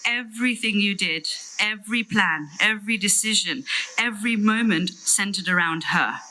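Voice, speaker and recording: A middle-aged British woman reading a prepared farewell speech in a tender, solemn, measured way. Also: mid-range voice, pushed and bright, a little hiss or hum, low-quality recording. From London, England. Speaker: sister giving a farewell eulogy.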